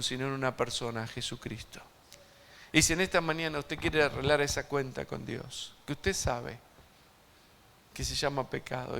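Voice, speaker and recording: A man preaching an evangelistic sermon to a congregation, emphatic and swinging between loud and hushed, asking his listeners direct questions. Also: mid-range voice, creaky. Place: church service before a congregation.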